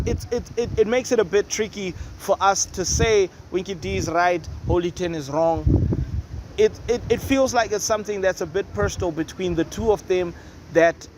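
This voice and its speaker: Male host, high voice, noisy room with music behind, loose opinionated commentary. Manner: chatty, opinionated, rambling asides. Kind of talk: casual commentary. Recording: noisy with loud music nearby. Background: neighbours' music and noise.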